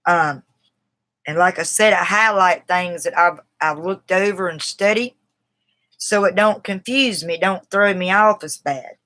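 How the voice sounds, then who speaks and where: A Southern US writer with a Southern accent livestreams from outdoors, chatting loosely about a writing book, wandering off topic and saying hello to viewers by name. Her voice is on the low side, measured, bright and forceful.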